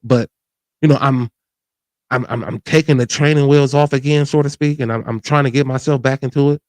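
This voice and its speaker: A man's voice: mid-range voice, steady tone, fairly quick, no echo. A man in his forties talking candidly and earnestly about his own life, often restarting and adding "you know what I mean". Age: 40s. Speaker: show host. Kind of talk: candid personal talk.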